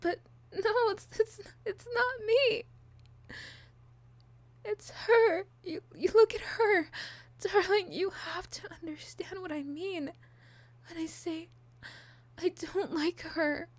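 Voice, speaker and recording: A woman voicing a possessive, obsessive young monster girl in love, an unhinged, clingy villainess, in an ASMR role-play with breathy hushed stretches. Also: on the high side, steady tone, slow, pauses often, dry recording.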